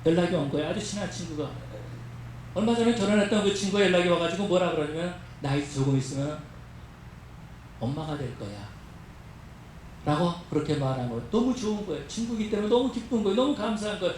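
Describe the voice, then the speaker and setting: High-voiced guy preaching, heard from far back in a super echoey church. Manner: storytelling preacher, acts out prayers and quotes with rising emotion. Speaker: pastor. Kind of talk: sermon. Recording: echoey church hall from far off, faint noise.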